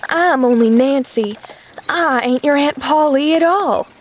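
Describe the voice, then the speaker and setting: A woman's voice: high voice, measured pace, a little hiss or hum, pitched above the performer's own voice. Woman acting a flustered, folksy hired servant woman. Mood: flustered, alarmed. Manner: stammering, folksy rustic speech. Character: flustered, kind-hearted, plain-spoken hired servant woman. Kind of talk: storybook character voice.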